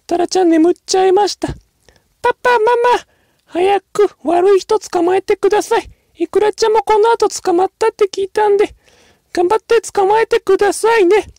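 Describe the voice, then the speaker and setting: A small, polite cartoon boy voiced by a woman announces what comes next in a cheerful, childlike way. The voice sits extremely high with a slight gravelly grain. It is a playful spoof of a cartoon preview. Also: warm tone, no room sound. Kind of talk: parody next-episode preview.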